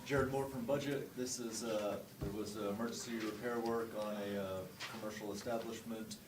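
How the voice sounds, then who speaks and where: A man's voice: on the low side, fairly even intonation. A man, a city budget official, explaining budget items formally at a public meeting with frequent hesitations. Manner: measured, frequent uh fillers, formal. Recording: roomy council chamber, distant mic, background noise.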